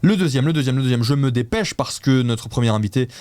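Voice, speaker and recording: A male show host talks through the week's news in a loose, chatty way, often stopping and restarting his sentences. His voice sits at an ordinary middle pitch and comes across dry and close, with no room sound around it. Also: expressive, fast talker, a little mellow, dry recording. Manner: hesitant, restarting often, chatty and self-mocking. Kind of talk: casual news recap and quiz with co-hosts.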